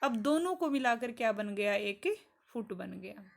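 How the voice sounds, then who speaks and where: A woman's voice: on the high side, animated, vocal fry. A woman teacher with an Indian accent explaining poetry terms, asking herself questions and answering them. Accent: Indian English. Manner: reads English definitions slowly and deliberately. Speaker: English teacher. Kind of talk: online exam-prep lesson, Hindi mixed with English.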